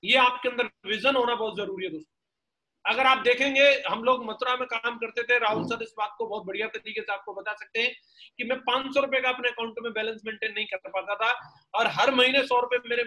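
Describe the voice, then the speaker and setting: A male motivational speaker, his voice sitting very high and sounding bright and forceful. He pushes his points to a sales team in blunt street slang, firing rhetorical questions as he goes. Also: poor audio. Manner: punchy, colloquial, peppered with slang and rhetorical questions.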